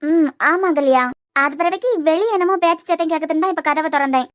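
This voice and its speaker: A woman's voice: very high-pitched, brisk, a bit bright, no room sound, clean studio sound. A woman voicing a protective, secretive young woman in a cartoon with a Kanyakumari Tamil accent, speaking in a coaxing, earnest way. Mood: explaining.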